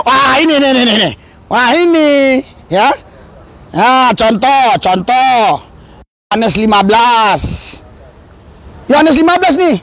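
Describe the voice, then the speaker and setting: Fervent male preacher, very high voice, shouts at peaks, faint background hiss. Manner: fervent, rising to shouts, calls for hallelujah. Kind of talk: sermon.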